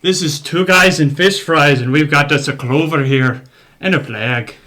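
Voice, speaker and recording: A man's voice: fairly high pitch, moderate pace. A young man putting on an obnoxiously bad, hammy Irish accent as a jolly stage-Irish character. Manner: loud, chirpy, hammy.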